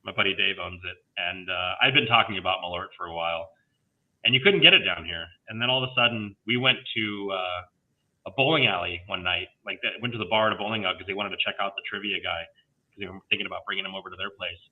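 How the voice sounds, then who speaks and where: A man's voice: sits low, quick pace. A man guest telling playful stories with frequent laughs on a video call. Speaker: guest, tiki designer. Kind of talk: casual video-call chat. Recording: tinny phone-like line.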